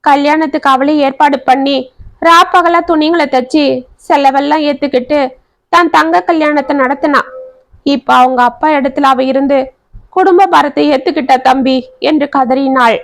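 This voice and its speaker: A woman's voice: high-pitched, moderate pace, vocal fry. A woman voicing a widowed village mother who laments her daughter's fate through tears in a family tale. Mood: lamenting. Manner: lamenting, sobbing speech.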